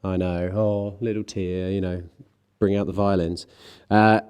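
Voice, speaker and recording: A fitness instructor with a deep voice leads a guided stretching class, congested and a bit nasal from a cold. He coaches calmly and unhurriedly, with light self-mocking asides, in a clean tone.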